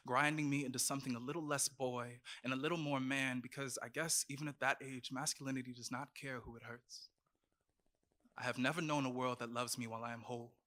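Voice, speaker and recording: A man performing spoken word slam poetry with a dramatic, deliberate delivery. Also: mid-range voice. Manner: dramatic, deliberate delivery building from quiet to impassioned. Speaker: slam poet.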